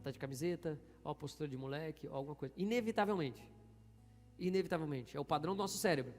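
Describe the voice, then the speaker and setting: A man preaches as a pastor, throwing questions at his congregation and waiting for their replies. His voice sits high for a man. The sound rings with the long reverb of a church hall. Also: expressive, quick pace, darkish tone, soft background music. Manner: call-and-response preaching, asks the congregation questions. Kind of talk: sermon.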